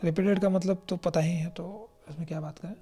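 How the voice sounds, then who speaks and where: This is a teacher from India, recording an exam-prep vocabulary lesson. The voice is mellow and even, with faint music in the background. The delivery is explanatory and patient, with frequent check-ins and slow, careful readings of definitions. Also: mid-range voice. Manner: explanatory, checks in often with "right?"; slows down to read definitions aloud.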